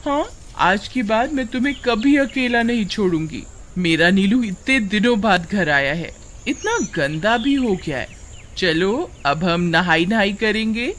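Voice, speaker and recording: A woman's voice: medium pitch, animated, a little slow. Woman doing a doting young village wife. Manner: coos and wails, baby-talk to her pet. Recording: loud background noise.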